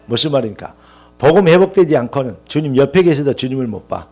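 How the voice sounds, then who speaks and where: A man's voice: medium pitch, expressive, quick pace, darkish tone. A male pastor preaching a sermon with impassioned, rising emphatic lists and calls of hallelujah.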